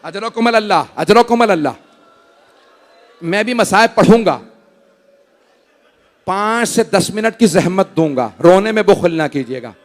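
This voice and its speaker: A man with a Pakistani Urdu accent delivers a Muharram mourning sermon to a gathering, speaking straight to the audience and swinging between loud declamation and hushed, tearful narration. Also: high-pitched, a little slow, long pauses. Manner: often addresses the audience directly. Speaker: Muharram majlis orator.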